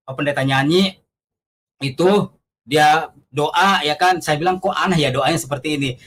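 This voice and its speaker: A man's voice: mid-range voice, a bit bright. Male guest, testimony storyteller, casual and earnest, acts out quotes; faint room noise. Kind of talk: conversational testimony.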